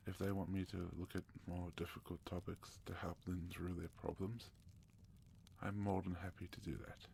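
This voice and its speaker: A man from South Africa hosting a soft-spoken ASMR question-and-answer session, gentle and sometimes slipping into a whisper. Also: deep voice, gravelly, a little hiss or hum. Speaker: ASMR channel host.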